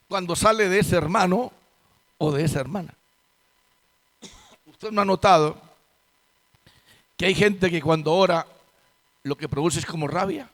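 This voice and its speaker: A man's voice: high-pitched, a bit bright. A man preaching a sermon as pastor, emphatic and full of rhetorical questions. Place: church sanctuary. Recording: long hall reverb in church.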